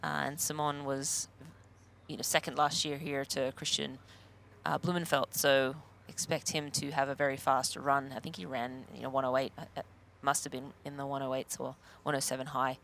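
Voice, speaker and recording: A man co-commentating a live race, hesitant and filling pauses with uhs as he checks gaps and names. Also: medium pitch, little pitch movement, gravelly, fairly bright tone, slight background noise. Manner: hesitant, many uhs while checking details.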